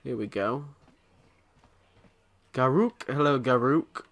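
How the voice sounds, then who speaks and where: A man's voice: mid-range voice, slow pace, fairly bright tone. A man giving casual commentary over a video game, joking crudely and talking back to the characters on screen. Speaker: let's play host.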